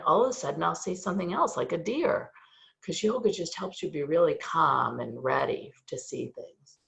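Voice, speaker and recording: A woman leading a children's yoga class, giving gentle, encouraging step-by-step instructions. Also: sits low, vocal fry. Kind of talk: guiding a kids' yoga class. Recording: distant, very echoey, dull-sounding room recording.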